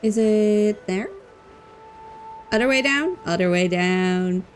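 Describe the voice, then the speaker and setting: A woman speaks slowly in a medium pitch while livestreaming a game, with soft music in the background. Her chat with viewers is casual and playful, full of repeated, drawn-out words.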